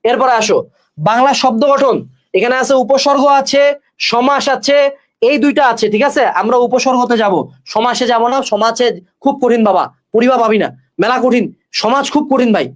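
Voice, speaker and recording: A man. He speaks to his students bluntly and jokingly, like a tutor who knows every trick. The pitch sits far above most men's, and the words tumble out quickly. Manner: brash, joking, talks straight to students. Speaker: exam-prep tutor. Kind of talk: energetic study-tips lesson with course promotion.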